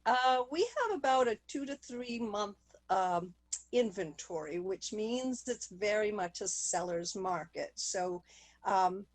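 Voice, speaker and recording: A woman's voice: medium pitch, animated, slow pace, no room sound. A woman speaking as a real estate agent in a casual interview over a video call.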